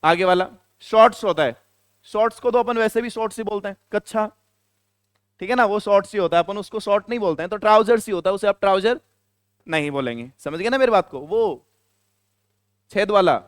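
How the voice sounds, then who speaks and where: High, clear-voiced male teacher. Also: fairly quick, dry recording, studio quality. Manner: questions the students and answers himself, repeating key words. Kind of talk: classroom lecture.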